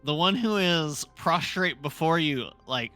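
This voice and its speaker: A game master improvising tabletop game narration, halting mid-sentence while describing. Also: mid-range voice, lively intonation, sharp tone, soft background music.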